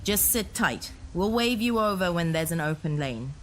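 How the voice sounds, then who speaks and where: A woman's voice: fairly low pitch, animated, moderate pace, slight background noise, lightly acted. A woman voicing a firm male police officer giving orders. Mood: urgent. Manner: firm, commanding.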